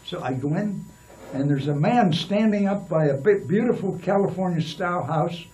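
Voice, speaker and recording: Older man, interview guest, rambling anecdotal delivery, slightly raised pitch, mellow tone, mic a bit distant. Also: moderate pace, highs cut off. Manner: rambling, with many restarts and fillers. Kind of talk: storytelling in a casual interview.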